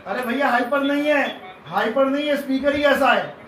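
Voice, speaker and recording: A man with a sore throat argues in a live religious debate, pressing his questions loudly and insistently. His voice sits very high. The recording is echoey, picked up from some distance, with faint noise behind. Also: moderate pace. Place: room with a loudspeaker.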